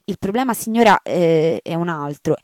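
A woman's voice: fairly low pitch, expressive, normal speed, a little mellow, no room sound, lightly acted. Woman acting out a timid flustered maid, stammering, hesitant, apologetic, storybook voice. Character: timid, flustered female housemaid.

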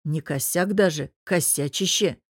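A woman reading the curt, commanding lines of a stern male friend in an audiobook, in a low voice. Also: measured pace, no room sound, clean studio sound. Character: stern, blunt male friend, middle-aged businessman.

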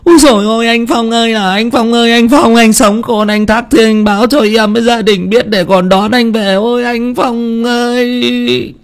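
Guy putting on a sobbing market woman, high gravelly voice, begging and wailing. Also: steady tone, moderate pace, few pauses. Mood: wailing grief. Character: grieving middle-aged market woman wailing for her lost brother. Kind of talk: audiobook character voice.

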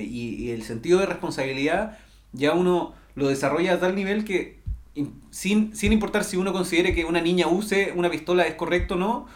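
A young man with a Chilean accent, telling a story in a casual podcast chat, excited and laughing as he talks. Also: high-pitched. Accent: Chilean Spanish. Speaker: podcast co-host.

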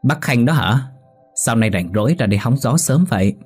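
A man voicing a brash farmer in his fifties, booming and blunt, who scoffs at ghost stories. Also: animated, normal speed, a little mellow, husky, soft background music. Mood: jovial.

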